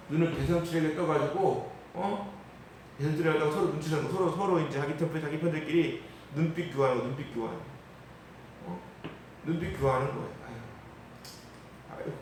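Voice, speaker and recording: A man's voice: a little high, a little mellow, slight background noise. A man preaching a sermon as pastor, emphatic, often acting out mocking voices and checking in with listeners. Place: church sanctuary. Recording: very echoey room, mic at a distance.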